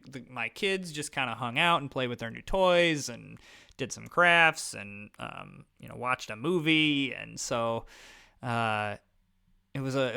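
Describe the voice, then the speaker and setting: A man's voice: medium pitch, creaky, bright, forceful tone, clear, resonant tone. A man in his thirties with a Midwestern American accent, rambling casually with lots of fillers while playing a board game online. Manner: rambling, filler-heavy, self-deprecating. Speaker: gaming YouTuber. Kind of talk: casual let's-play commentary.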